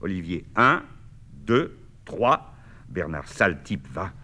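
A man reading a play aloud, voicing a lively, bossy teenage boy with quick, bantering, mock-grand talk. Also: deep voice, exaggerated voice. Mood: teasing. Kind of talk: 1960s stage-play reading.

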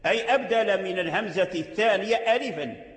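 A Moroccan-accented man gives a recitation lesson in a high, ringing voice. He drags out each example word again and again. The room is echoey, and a long reverb trails after his words. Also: fairly quick. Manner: repeats and drawls out sounds to demonstrate pronunciation. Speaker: Quran recitation teacher. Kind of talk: explanatory lesson on recitation rules.

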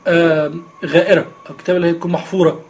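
A man's voice: a little high, level tone, rapid-fire. A man with an Egyptian Arabic accent explaining a screen reader step by step, with many filler sounds. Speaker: instructor.

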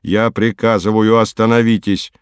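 A man's voice: lowish voice, moderate pace, clear, resonant tone, dry recording, studio quality, close to an everyday voice. A man voicing a stern male expedition leader who barks curt orders. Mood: commanding.

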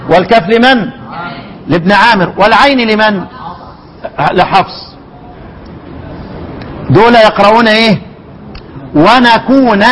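High-voiced Egyptian teacher quizzing listeners. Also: male voice, fairly bright tone, rough recording. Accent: Egyptian Arabic. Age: older. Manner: repeats words slowly, quizzes listeners with questions. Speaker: teacher of Quran recitation. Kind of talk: explaining a recitation poem line by line.

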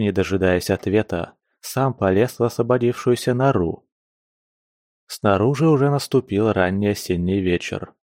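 Low-voiced male audiobook narrator. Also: a little mellow, no room sound, clean studio sound.

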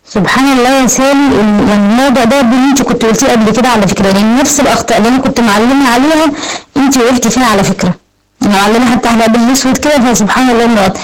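An Egyptian woman teaching Quran recitation, giving quick, encouraging corrections and slowly drawing out example words. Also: a little high, poor audio. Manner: quick, encouraging corrections with slow drawn-out demonstrations. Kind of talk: online recitation lesson, correcting a student.

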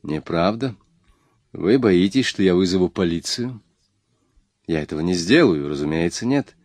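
A man reading the lines of a calm, bold young woman who teases and questions in an audiobook. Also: low voice, moderate pace, no echo. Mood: playful.

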